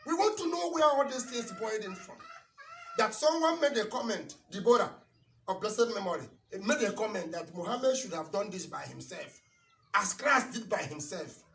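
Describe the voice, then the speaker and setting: A man giving an impassioned lecture-sermon, hammering rhetorical questions and swinging between loud bursts and low asides. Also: lively intonation, moderate pace, creaky, slight background noise. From Nigeria. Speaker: lecturer on religion and culture. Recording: roomy, distant mic, faint birdsong behind.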